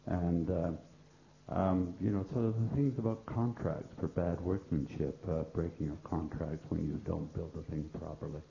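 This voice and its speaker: A man's voice: low-pitched, steady tone, moderate pace, creaky, mellow, a little hiss or hum. A man in the audience asking a lecturer a question, hesitant and full of filler sounds. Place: lecture hall. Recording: roomy, dull hall recording via passed mic.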